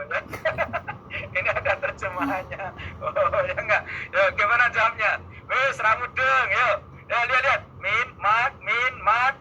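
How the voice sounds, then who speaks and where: Bright, lively male tutor. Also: high-pitched, lo-fi sound, slight background noise. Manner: playful, teasing, quick back-and-forth with students. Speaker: math tutor. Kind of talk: energetic exam-prep lesson.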